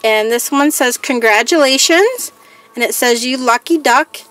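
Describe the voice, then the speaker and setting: This woman, a crafting vlogger, casually shows off a haul, naming each piece aloud in a plain listing manner while chatting at an unhurried pace. Her voice sits slightly high and a bit bright, with faint music in the background.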